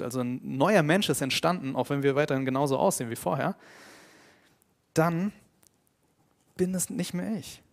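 A man preaching a sermon in an earnest tone, growing emphatic on his main points and dropping quiet and slow on key phrases. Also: mid-range voice. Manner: earnest, grows emphatic and louder when stressing points.

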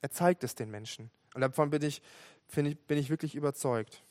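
A young man giving a sermon in a relaxed, conversational way, earnest and full of small restarts and fillers. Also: fairly high pitch, fairly quick, no room sound, studio quality. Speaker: preacher.

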